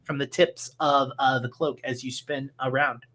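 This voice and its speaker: A man improvising tabletop game narration as game master, halting as he searches for words. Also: mid-range voice, fairly even intonation, fairly bright tone.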